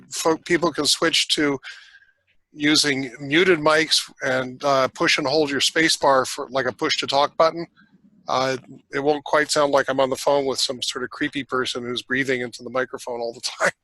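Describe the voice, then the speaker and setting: A man in an online class, easygoing and joking as he gives quick tech tips over a video call. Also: medium pitch, pushed and bright, no echo, low-quality recording. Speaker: class participant. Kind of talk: casual chat.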